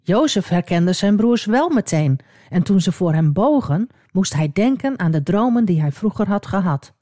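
A woman storyteller reading a Bible story for children. She tells it expressively and adds small asides to the listener. Her voice is mellow and swings widely in pitch, and the recording is dry. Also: lively intonation, normal speed, no room sound.

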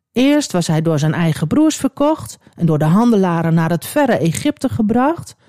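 A woman narrating a Bible story for children, expressive and speaking directly to young listeners. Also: lowish voice, dry recording, studio quality.

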